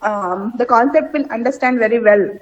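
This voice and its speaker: A woman with a Kannada Indian accent, a schoolteacher giving opinions in class in a halting, deferential way. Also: fairly high pitch, dull audio. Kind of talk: spoken opinion in a class discussion.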